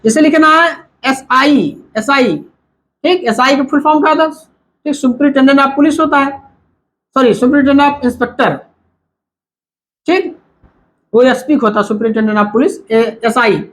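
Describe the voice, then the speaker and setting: High voice, male teacher, repeats each point as a question and answers it himself, a grammar lesson in mixed Hindi and English. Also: slow pace, pauses often, a bit bright. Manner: repetitive, asks and answers his own questions; mixes Hindi with English terms.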